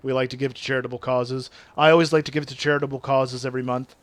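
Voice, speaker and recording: A native French speaker with a regional accent talks fast in a flat, mid-range voice, with no room sound at all. He chats casually with viewers on his game stream, reading their messages aloud and favoring big words.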